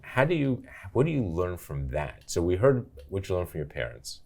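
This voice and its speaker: Older man, interview host, very low pitch, enthusiastic reactions. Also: big pitch swings, normal speed, gravelly, darkish tone. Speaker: podcast host. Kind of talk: interview conversation.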